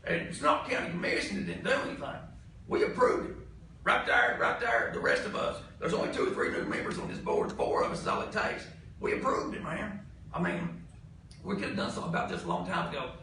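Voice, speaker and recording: Here the same sort of speaker, a male county commissioner with a Southern US accent, argues heatedly and repetitively in a blunt, folksy, exasperated manner. His high voice is sing-song, fairly quick, gravelly, pushed and bright. It's recorded on a distant mic in a noisy, very echoey indoor meeting room.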